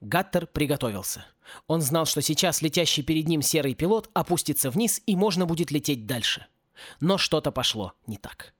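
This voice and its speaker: A man's voice: a little high, animated, moderate pace, a bit bright, breathy edge, dry recording. Male audiobook reader, dry and close. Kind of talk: audiobook narration.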